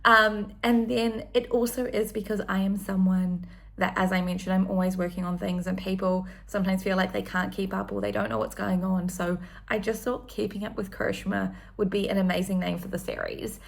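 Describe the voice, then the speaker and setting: A woman's voice: mid-range voice, fairly quick, vocal fry. A woman in her thirties, from New Zealand, chatting enthusiastically in a casual one-take vlog with frequent ums. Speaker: vlogger.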